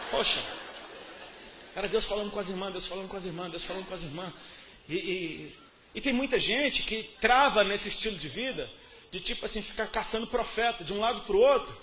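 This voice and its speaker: A man with a Brazilian Portuguese accent preaches a sermon, sharing his testimony in casual slang with lots of repetition. His high-pitched, expressive voice moves briskly, dropping to soft murmurs and rising to loud outbursts, against a noisy background.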